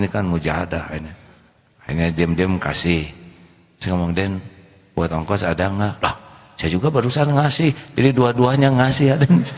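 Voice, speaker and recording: Gravelly-voiced preacher in a hall. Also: male voice. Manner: lively, swings to high voice for emphasis and quoted speech; talks directly to the audience, asks them to answer. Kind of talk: sermon. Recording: long hall reverb.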